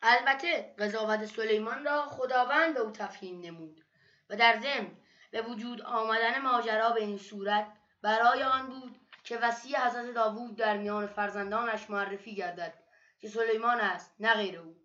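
A woman narrating religious stories from a book in a measured, steady storytelling manner. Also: fairly high pitch. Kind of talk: read-aloud book narration. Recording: dull lo-fi recording.

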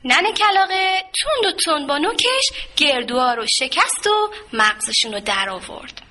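A woman narrating a children's folk tale in a gentle, expressive, sing-song way. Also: high voice. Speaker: storyteller.

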